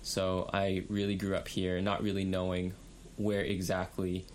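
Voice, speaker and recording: A man's voice: sits low, completely flat delivery, measured pace, slight background noise. A young man from Canada, talking in a hesitant way with many fillers during a casual discussion. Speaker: podcast co-host.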